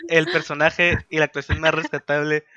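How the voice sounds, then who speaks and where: A man's voice: fairly high pitch, moderate pace. A man chatting casually on a podcast about a movie, acting out lines from it. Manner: animated, acts out quotes. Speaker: podcast panelist. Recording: dull lo-fi.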